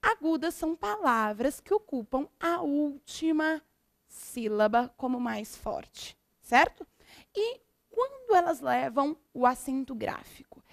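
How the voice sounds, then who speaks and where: A woman's voice: high voice, no room sound, studio quality. A Brazilian woman teacher giving a recorded lesson, explaining step by step and answering her own questions. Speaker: Spanish teacher.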